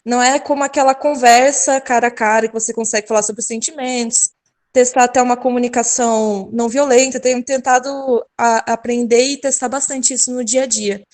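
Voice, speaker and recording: A young woman, a student moderator on a video call, asks her question with a slightly raised voice. She pauses and searches for the right words as she goes. Her tone is casual. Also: fairly high pitch, steady tone, a little mellow. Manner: hesitant, searching for words with fillers. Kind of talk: casual online talk.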